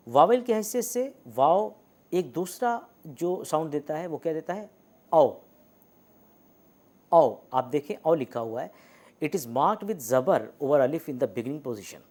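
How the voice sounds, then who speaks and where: A man teaching letters and vowels in a recorded lecture. He explains patiently, says the example words slowly and repeats them, and often checks in with the class. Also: on the high side, mellow. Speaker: Urdu language teacher.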